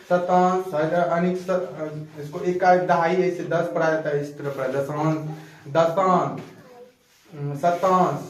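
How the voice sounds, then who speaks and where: A male math teacher in a classroom, asking students questions over and over and checking that they understood. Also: sits high. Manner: repetitive call-and-response, keeps checking if students understood. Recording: very echoey classroom, distant mic.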